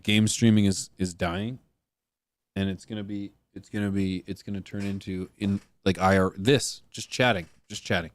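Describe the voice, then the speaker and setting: A man's voice: fairly low pitch, dry recording. A man streaming, chatting loosely and rambling with frequent swearing and restarts. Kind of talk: casual chat. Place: home streaming setup.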